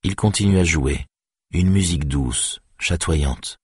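A man narrating an audiobook in a measured, steady way. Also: a bass voice, slightly rough, no echo, studio quality. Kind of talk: scripted narration.

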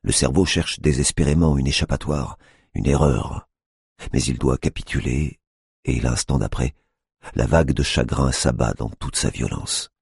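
Very deep, gravelly male narrator. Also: moderate pace, a little mellow, dry recording, studio quality. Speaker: audiobook narrator. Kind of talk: scripted narration.

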